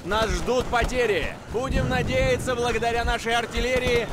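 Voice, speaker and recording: An actor playing an alert, tough infantry squad leader in a war game, with terse, forceful, commanding delivery. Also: male voice, very high-pitched, fairly even intonation, moderate pace. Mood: grave, resolute. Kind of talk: scripted military game dialogue. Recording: heavy gunfire and vehicle noise. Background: loud gunfire, machine guns, vehicles.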